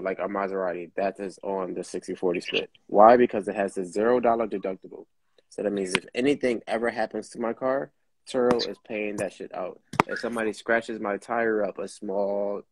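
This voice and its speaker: A man's voice: lowish voice, no echo. A man hosting a casual chat, explaining things in a blunt, profane, laid-back way. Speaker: host.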